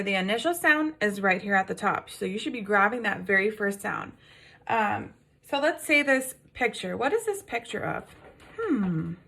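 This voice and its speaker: Slow sing-song kindergarten teacher, woman. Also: medium pitch, creaky, bright, forceful tone. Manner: slow, sing-song, patient prompting with questions. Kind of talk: phonics lesson to young children.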